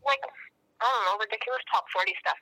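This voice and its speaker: A woman's voice: on the high side, quick pace, bright, forceful tone, no room sound, poor audio. A woman calling in, heard over a phone on speakerphone, with a wry, teasing way of talking. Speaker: caller.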